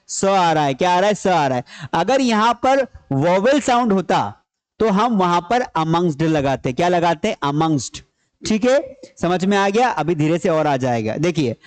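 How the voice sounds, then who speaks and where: A man teaching a grammar class, repeating key points and asking questions he answers himself. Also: high voice. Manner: repeats key points, explains in Hindi mixed with English terms. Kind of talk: classroom lecture.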